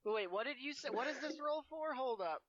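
A man's voice: very high voice, animated, a bit bright, lo-fi sound. A man playing a tabletop game, talking in a teasing, crude way. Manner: teasing, crude, quick to tease. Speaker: player. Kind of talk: casual chat while playing a tabletop game.

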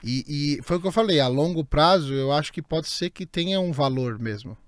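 A man joining a casual conversation, agreeing and circling back over his own words. His voice sits a little high. The recording is dry. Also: lively intonation, fairly quick, dry recording. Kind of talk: casual podcast discussion.

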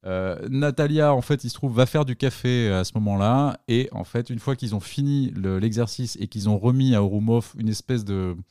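A man's voice: medium pitch, normal speed, hardly any pauses, dark tone, clean tone, no room sound, studio quality. A man casually retelling a film's plot on a podcast, with many fillers and restarts. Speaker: podcast co-host. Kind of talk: casual film discussion.

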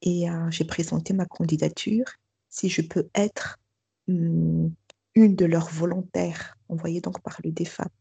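A woman's voice: on the low side, flat delivery, measured pace, creaky, mellow, breathy edge, no room sound. A middle-aged woman, a school director, giving a hesitant personal testimony full of fillers and restarts. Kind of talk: testimony interview.

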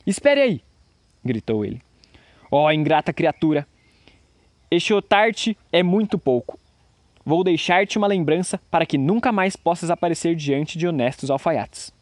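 A man voicing an older, hot-tempered tailor who shouts indignantly. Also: mid-range voice, animated, moderate pace, no echo, close to an everyday voice. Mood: furious.

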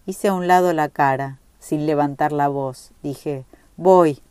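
A woman reading a short story aloud in a measured, reflective way. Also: low-pitched, mellow, smooth, no echo. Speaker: reader.

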